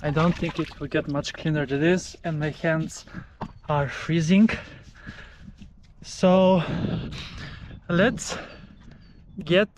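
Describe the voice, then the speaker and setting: A man narrating a casual vlog outdoors, speaking haltingly in short broken pieces. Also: fairly high pitch, steady tone, slight background noise. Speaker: vlogger. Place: outdoors at a frozen lake.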